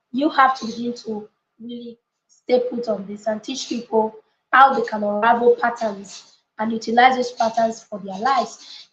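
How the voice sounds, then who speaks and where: With a higher-pitched voice, a woman coach and book club leader hosts a live session mixing motivational teaching and informal viewer chat. She's emphatic, repeats phrases and checks in on listeners, and the echoey room gives the audio a slightly dull lo-fi quality.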